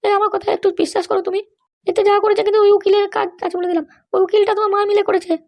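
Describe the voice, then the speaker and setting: Brief: a woman doing a meek cartoon wife, very high voice, quick pleading delivery. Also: fairly even intonation, a little mellow. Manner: pleading, protesting innocence. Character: pleading, put-upon young wife. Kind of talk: cartoon voice acting.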